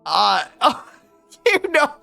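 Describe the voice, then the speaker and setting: A man's voice: very high voice, very animated, slow pace, vocal fry, bright, forceful tone, dry recording, soft background music. A young man streaming live, chatting casually with viewers in a rambling way, cursing freely and laughing often.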